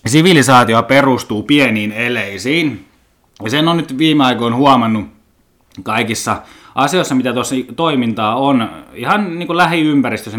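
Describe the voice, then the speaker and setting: A man's voice: medium pitch, fairly bright tone. A man with a Finnish accent talks through a loose, rambling podcast monologue. He is blunt and joking, swears freely, and often stumbles over words before finding them. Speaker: podcast host.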